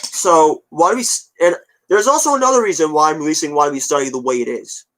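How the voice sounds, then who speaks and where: Speaking fast in a fairly high, slightly bright voice, this twenty-year-old man chats casually to viewers and responds to comments. He's offhand, rambling and repetitive. The recording is rough.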